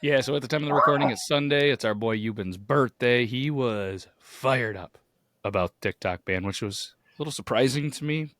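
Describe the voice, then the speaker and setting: A man with a hoarse, grating voice from too much yelling, chatting casually as a podcast co-host. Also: medium pitch, normal speed, no echo, studio quality.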